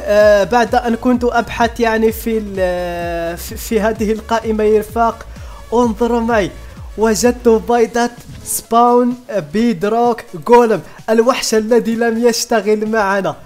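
A man giving excitable gameplay commentary as a YouTuber, often stopping and restarting his sentences. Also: very high-pitched, normal speed, faint music behind. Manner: excitable, many restarts and fillers. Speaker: gaming YouTuber.

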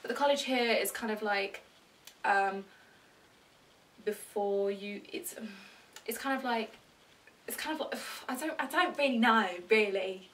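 A British teenage girl rambling and chatting to camera in a self-deprecating way, often breaking into excited squeals. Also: on the high side, a little slow, pauses often, distant mic, slight background noise. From Britain. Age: teens. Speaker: vlogger. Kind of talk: rambling casual chat to camera.

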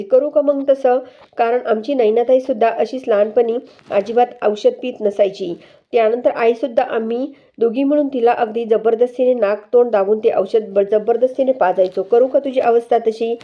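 A woman's voice: a little high, steady tone, moderate pace, highs cut off, natural voice. A woman voicing a bossy young wife who scolds her husband, in a stern, commanding tone. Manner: stern, commanding, read out plainly.

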